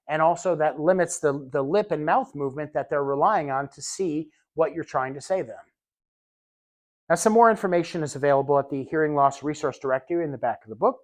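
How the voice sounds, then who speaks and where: A man teaching a caregiver training class, talking casually with lots of fillers and asides, at times slowing down to show exaggerated lip movement. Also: fairly high pitch. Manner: demonstrates slow exaggerated enunciation. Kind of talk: recorded classroom lecture.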